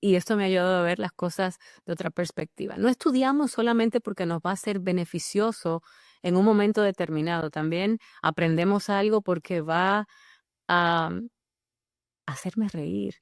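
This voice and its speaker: A woman's voice: fairly low pitch, normal speed, no echo, clean studio sound. A woman from the Dominican Republic with a Dominican accent, a guest talking animatedly and enthusiastically in a casual interview. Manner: animated and enthusiastic, with fillers and restarts.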